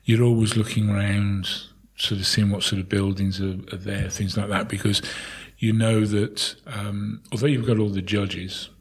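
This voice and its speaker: Husky low-voiced man, chatty storyteller. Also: flat delivery, normal speed, few pauses. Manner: chatty storyteller, repeats words as he goes. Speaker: town crier, interview guest. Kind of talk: casual anecdotal chat.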